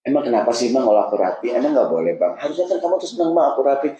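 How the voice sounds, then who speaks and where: A man's voice: mid-range voice, very animated, racing, dark tone, lo-fi sound, lightly acted. A man voicing a nagging, defensive young wife in a raised, whiny voice during a sermon. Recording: roomy mosque echo.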